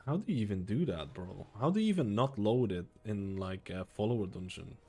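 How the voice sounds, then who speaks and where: Rambling and joking as he plays, this young male game streamer swears freely and keeps saying "bro." He speaks briskly and expressively in a lowish voice that has a dark tone and a breathy edge.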